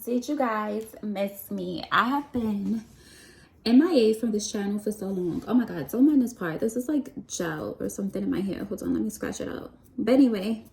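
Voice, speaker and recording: A young woman from Queens with a New York accent vlogs her errands, rambling casually and talking straight to her followers on a shop-along. Her medium-pitched voice is expressive and a little mellow, with vocal fry, at a normal speed. The recording is rough.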